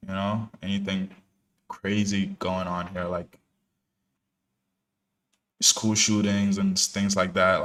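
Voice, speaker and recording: A young day trader, born in New Jersey to parents from Ghana, casually narrates his live trading stream with slang and frequent fillers. He has a low voice with a fairly bright tone.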